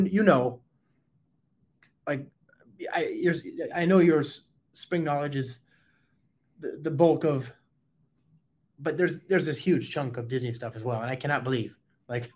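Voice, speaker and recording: Excitable stammering male podcast host. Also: medium pitch, a little slow, long pauses. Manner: excitable, stumbling restarts and laughs. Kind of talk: casual livestream chat.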